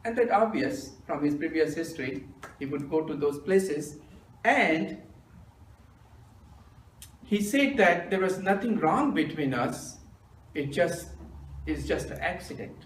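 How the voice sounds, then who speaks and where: Deadpan man in echoey room. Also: fairly high pitch, measured pace, long pauses, recorded from a distance, slight background noise. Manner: deadpan storytelling with self-mocking jokes. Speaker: stand-up speaker. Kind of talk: humorous club speech. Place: meeting room with audience.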